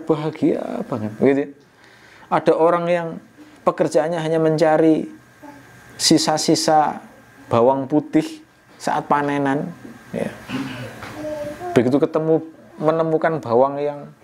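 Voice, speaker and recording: A man teaching the meaning of a scripture passage in a relaxed, conversational way. He poses rhetorical questions and answers them himself. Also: a little high. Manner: conversational, frequent "ya" and "nah" fillers. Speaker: Quran exegesis teacher. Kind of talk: explanatory religious lecture.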